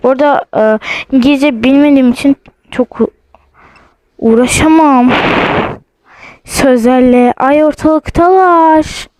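High-voiced nervous young woman at home. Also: a little slow, long pauses, dark tone, smooth, no echo, poor audio. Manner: nervous, jumpy, keeps saying she is scared. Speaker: vlogger. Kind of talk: casual vlog, playing a ghost-hunting app. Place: at home, in a house.

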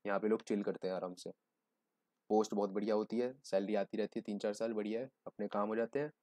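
A man's voice: fairly low pitch, fairly even intonation, quick pace, mellow, dry recording. A young man giving a joking, conversational exam-prep lecture, explaining with everyday examples. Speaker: teacher.

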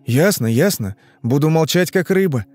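A man's voice: fairly high pitch, animated, normal speed, darkish tone, dry recording, faint music behind, pitched above the performer's own voice, close to an everyday voice. A man voicing an anxious middle-aged businessman and father in an audiobook, flustered and hesitant. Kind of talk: audiobook reading.

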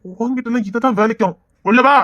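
An actor playing a flirtatious office boss with a Tirunelveli Tamil accent, teasing and wheedling. He talks quickly in a bright voice, recorded dry and close. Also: extremely high pitch, dry recording, muffled recording. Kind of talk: village web-series acting.

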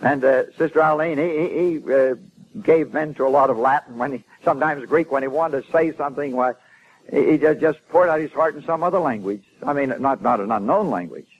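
A man's voice: on the high side, fairly quick, highs cut off, slight background noise. A man giving an informal sermon to a congregation, emphatic, with frequent stammered restarts and rising swells of emphasis. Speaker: preacher and former Bible translator.

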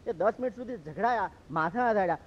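A man from Gujarat, a monk telling stories in a lively sermon and acting out what others said. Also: high voice, quick pace, slight background noise. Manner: lively, acts out quoted speech. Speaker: monk preacher. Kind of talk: storytelling sermon. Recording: dull lo-fi recording.

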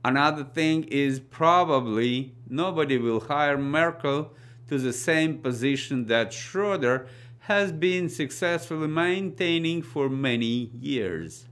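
Slow-paced man with a Russian accent. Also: fairly high pitch, fairly bright tone. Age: middle-aged. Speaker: presenter. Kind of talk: scripted news commentary.

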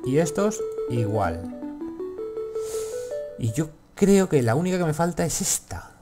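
A gaming video host with a Castilian Spanish accent from Spain gives casual gameplay commentary, rambling to himself and swearing freely. His voice is a little high, sing-song and unhurried, heard over music.

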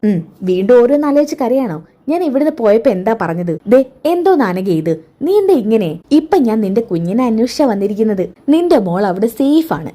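A woman's voice: a little high, very animated, quick pace, warm tone. A woman voicing a determined young woman who speaks firmly and resolutely. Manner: firm, resolute.

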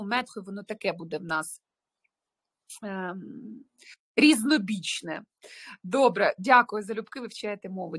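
A woman's voice: on the high side, fairly bright tone. A woman whose first language is Russian, teaching a French lesson over a video call, explaining patiently and checking that students follow. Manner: explains patiently, checks understanding with tag questions.

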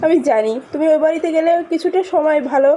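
A woman's voice: sits high, fast talker, mellow, natural voice. A woman voicing a commanding mother who lectures her son, in a spoken drama recap. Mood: stern. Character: stern domineering mother.

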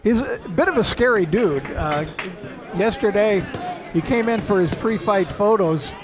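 A man giving conversational boxing commentary in a halting, reflective manner. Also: high voice, animated, a crowd in the background. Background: music.

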